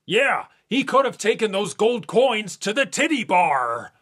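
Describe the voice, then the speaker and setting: A man's voice: sits high, very animated, measured pace, a bit bright, breathy edge, soft background music, full character voice. A man putting on a crude joker's voice for bawdy wisecracks.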